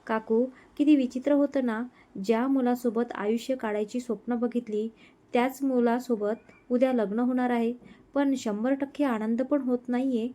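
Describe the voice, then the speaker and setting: A woman voicing an emotional young bride who talks softly and from the heart. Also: a little high, fairly even intonation, normal speed, close to an everyday voice. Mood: anxious. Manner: soft, tearful, heartfelt.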